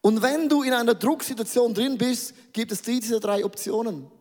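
A man's voice: extremely high pitch, normal speed, a little mellow. A man preaching a rousing, emphatic sermon, dropping English catchphrases and calling on the audience to answer him. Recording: long reverb of a large hall.

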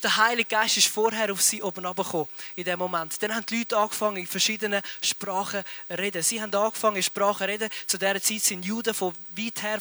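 A man preaching a sermon, retelling scripture in an animated, emphatic way and repeating words for effect. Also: high voice, no echo.

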